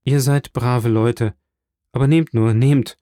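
A man voicing a grieving, kindly middle-aged shipowner in an audiobook, with an earnest, warm delivery. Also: medium pitch, fairly even intonation, slow, no echo, studio quality, lightly acted. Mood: sorrowful, kind.

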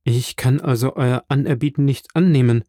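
A man voicing a grieving, kindly middle-aged shipowner in an audiobook, with an earnest, warm delivery. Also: mid-range voice, normal speed, no room sound, clean studio sound, lightly acted. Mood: sorrowful, kind.

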